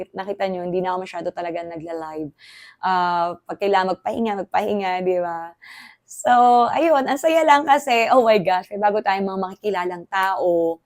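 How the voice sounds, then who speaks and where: A Filipino woman vlogging in a casual, excitable way, chatty and quick to laugh. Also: mid-range voice. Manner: chatty, excitable, code-switching, laughs often. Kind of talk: casual vlog chat.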